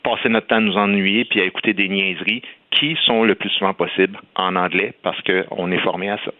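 A man giving a radio opinion column, pitching up to make his points. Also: steady tone, fairly quick, no echo. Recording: tinny phone-like sound.

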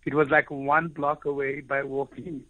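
Heard through a tinny, phone-like line without any room sound, this South African author, an Afrikaans first-language speaker, earnestly relates his own story as a guest. He keeps restarting phrases while searching for words. His medium-pitched voice is flat and moves at a normal speed.

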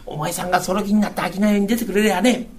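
A male rakugo storyteller voicing a patient, scolding Edo working-class wife, in soft, chiding old speech. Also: sits high, fairly even intonation, rapid-fire, natural voice. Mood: reassuring.

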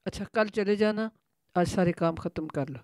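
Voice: mid-range voice, a little mellow, dry recording, lightly acted. Curt stern colonel, middle aged, short replies, read by a storyteller.

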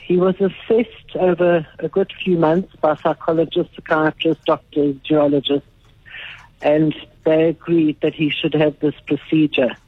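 A woman calling in to a radio show over a phone line, telling her story in an earnest, unhurried way with some hesitations. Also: deep voice, flat delivery, slightly rough, no room sound. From South Africa. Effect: heard over a phone line. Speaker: radio caller. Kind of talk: call-in phone conversation. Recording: tinny narrowband phone line.

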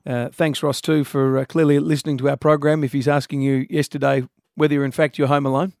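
Australian male breakfast host, higher register, casual chat, very dry sound. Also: flat delivery, a little fast, vocal fry, a little mellow, dry recording.

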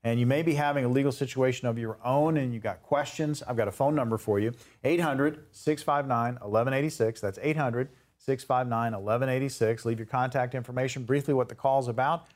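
A man hosting a radio show in a smooth announcer manner with a lilt. His pitch sits in the middle range. He shifts into easy chat with his guests. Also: brisk. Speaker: radio show host, consumer advocate.

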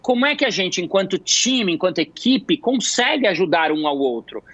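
A man's voice: sits high, moderate pace, breathy edge, no echo. A man who works as a hospital clown, telling stories in casual conversation and acting out the voices of the people in them. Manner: animated, acts out quotes with shifting voices. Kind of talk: conversational storytelling. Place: at home. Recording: dull lo-fi dry sound.

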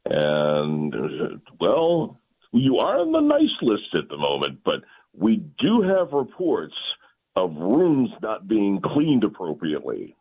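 A man playing a jolly old Santa Claus as a guest on a morning radio show, chuckling and fatherly as he gently scolds the children. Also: on the low side, huge pitch swings, slow pace, vocal fry, husky, exaggerated voice. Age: older. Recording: phone line.

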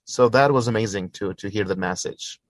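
Speaking English as an interview guest, an Albanian church planter in his forties earnestly recounts his story, full of fillers and restarts. His voice runs on the low side at a normal speed, with no room sound, though the audio quality is poor.

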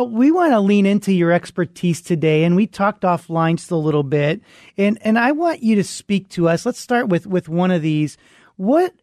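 Male radio host, higher voice, encouraging interviewer, dry close studio sound. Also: darkish tone, no echo.

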